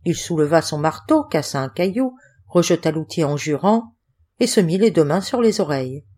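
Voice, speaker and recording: Woman reading an audiobook, lowish voice, measured and expressive, adventure story. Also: slightly rough. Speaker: audiobook reader. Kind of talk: scripted narration.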